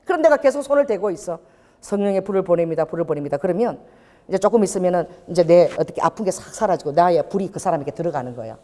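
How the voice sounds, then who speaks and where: A middle-aged woman pastor preaching a sermon in an animated storytelling manner, with laughter and quoted voices. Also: on the low side, quick pace, big-room sound. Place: church sanctuary.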